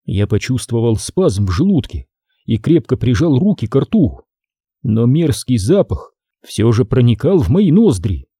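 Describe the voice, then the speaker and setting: A man reads an adventure story aloud with a very dark, husky tone. His delivery is lively and expressive, and the recording is dry and close. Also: mid-range voice, unhurried, no echo. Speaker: audiobook narrator. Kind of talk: scripted audiobook narration.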